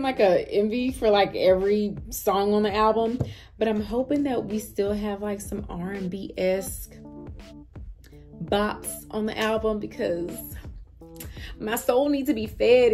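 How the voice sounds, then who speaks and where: A reaction video host offers a casual, slangy take on some music, repeating phrases for emphasis in an informal way. Her voice is medium-pitched with a darkish tone.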